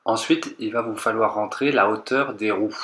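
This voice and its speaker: Bright-voiced man explaining car steps. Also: fairly low pitch, moderate pace. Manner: patient, repeats steps, hedges his own interpretation. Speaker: car tech tutorial maker. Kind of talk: step-by-step voice-over tutorial.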